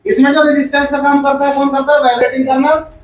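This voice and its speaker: A man's voice: very high voice, level tone, very fast. A male chemistry teacher gives a classroom lecture. He repeats each point and quizzes the class as he goes. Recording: echoey room, far from the mic.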